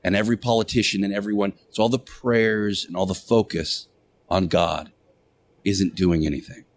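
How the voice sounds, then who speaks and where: A radio host voices Jesus for an interactive radio drama, preaching in a fairly low voice with fairly even intonation. Each short phrase lands with emphasis, separated by pauses, and he repeats important words to give them weight.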